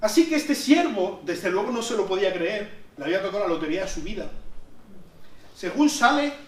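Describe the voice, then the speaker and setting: A man from Spain preaching a sermon in a conversational way that rises to emphatic peaks. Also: high-pitched. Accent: Spanish from Spain. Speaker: pastor. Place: church hall. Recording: echoey church sound from a distance.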